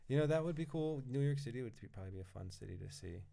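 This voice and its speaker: A man with a medium-pitched, gravelly, dark voice and lively intonation talks very fast as a guest or co-host on a casual podcast recorded indoors in Colorado. He rambles, laughs often and swears now and then.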